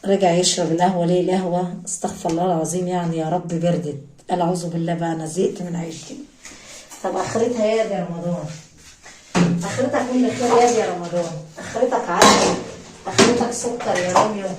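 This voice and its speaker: A woman's voice: on the low side, fast talker, roomy sound, far from the mic, background noise. A woman with an Egyptian accent telling a story in a chatty way, speaking straight to her listeners. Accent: Egyptian Arabic. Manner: chatty, addresses listeners directly. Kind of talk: casual spoken storytelling.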